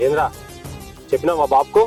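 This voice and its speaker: A man's voice: a little high, fast, dark tone, faint music behind, close to an everyday voice, low-quality recording. An actor playing an angry young son with a Telangana Telugu accent who threatens his father to sell the land. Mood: resentful. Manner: aggressive, threatening. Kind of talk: village short film acting.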